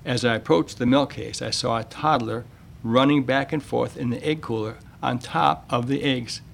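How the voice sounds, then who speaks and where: A male radio host with a gravelly, fry-tinged voice delivers a measured, plain-spoken talk. He has a gently wry touch, and there is a faint hiss under the recording. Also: medium pitch. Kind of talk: scripted radio monologue and interview.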